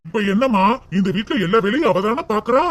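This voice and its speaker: Brief: a placating cartoon son voiced by a man, high voice and quick delivery. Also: animated, background noise. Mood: pleading. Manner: pleading, placating. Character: patient adult son defending his wife. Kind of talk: cartoon comedy voice acting.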